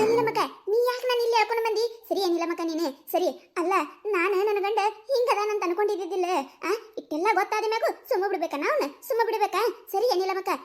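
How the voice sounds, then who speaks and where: A woman with a North Karnataka Kannada accent voices village women in a cartoon comedy. Her voice sits very high, and she swings between chiding and wailing. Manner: plays several village women, scolding and wailing. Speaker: voice artist for village cartoon characters.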